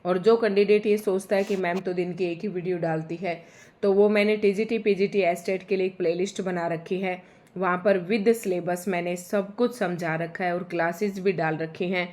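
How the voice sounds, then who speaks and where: Brief: slightly low-voiced woman teaching spelling, slow and careful, corrects herself as she goes. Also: steady tone, darkish tone. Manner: slow, careful syllable-by-syllable pronunciation, self-correcting. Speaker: Hindi teacher for exam preparation. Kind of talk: online spelling lesson.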